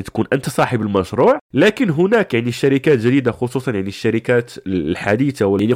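A man's voice: medium pitch, dry recording, studio quality. A man hosting a personal finance show, talking straight to the listener in an earnest, motivational way with frequent filler words.

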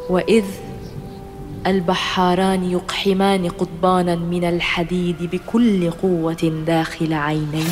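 A male narrator with a voice that sits high reads a scripted children's adventure story in a measured storytelling style.

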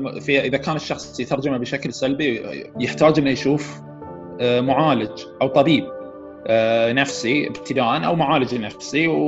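A man, a psychiatrist guest who explains patiently with everyday examples and frequent pauses to find the word. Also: medium pitch, lo-fi sound. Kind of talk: casual expert explanation.

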